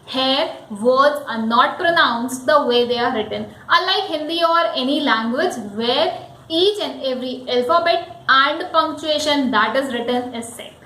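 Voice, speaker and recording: A woman's voice: high-pitched, a little slow, bright, forceful tone, reverberant, poor audio. A woman giving a careful pronunciation lesson, spelling words out letter by letter. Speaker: English teacher.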